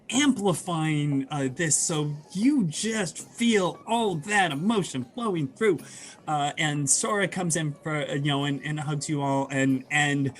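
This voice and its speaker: A man narrating a tabletop game as game master, soft-spoken and hesitant, with many fillers. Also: on the high side, slight background noise.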